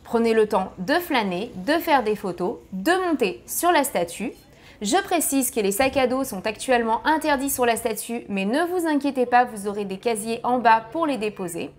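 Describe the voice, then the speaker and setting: A woman's voice: a little high, lively intonation, normal speed. A woman narrating a family travel guide with practical tips, now and then apologizing for her English pronunciation.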